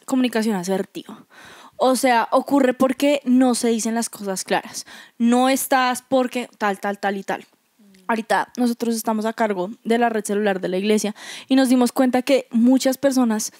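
A woman's voice: on the high side, darkish tone, dry recording, clean studio sound. A young woman in casual church-group chat, telling stories and acting out quoted lines. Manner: chatty storyteller, acts out quoted lines. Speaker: youth church band member.

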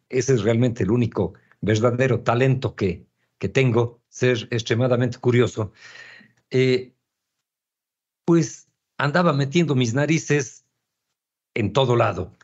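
A man's voice: mid-range voice, darkish tone, husky. An older man, a painter and author, answering interview questions in a reflective, hesitant way, often repeating words as he searches for them. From Ecuador. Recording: dull lo-fi audio.

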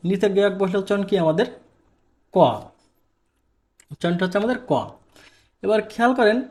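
A man's voice: high voice, a little mellow. A man from Bangladesh teaching a language lesson, asking questions and answering them himself, repeating the key points. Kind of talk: explaining a lesson.

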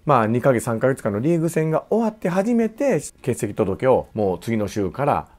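A man's voice: medium pitch, moderate pace. A man in his fifties with a Kansai accent, a guest telling stories in casual chat and acting out the people he quotes. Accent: Kansai Japanese. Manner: animated, acts out quoted voices. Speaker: guest, former baseball player.

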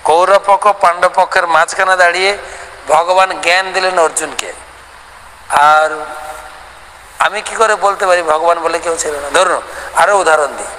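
A man delivers a devotional scripture lecture, answering questions sent in by listeners. His voice is bright and forceful, a little higher than most men's. He acts out imagined conversations and draws out chanted mantras slowly, with a long hall reverb and a faint hum of noise behind him. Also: fairly even intonation.

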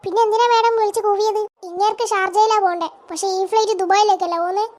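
A woman voicing a naive, chatty middle-aged woman in a cartoon, with a squeaky, argumentative manner. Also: steady tone, fast talker, a little mellow. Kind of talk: cartoon voice acting.

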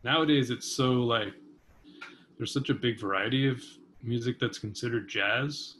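Over a webcam video call from his kitchen, a vibraphonist and composer in his thirties talks casually as a guest, thoughtful and full of hedging fillers. He has a medium-pitched, fairly bright voice at moderate pace, with slight background noise.

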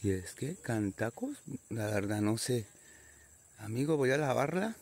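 A man's voice: mid-range voice, very animated, unhurried, a little mellow. A man narrating a casual outdoor metal detecting vlog, chatty and constantly addressing his viewers as friends. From Colombia. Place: outdoors in nature.

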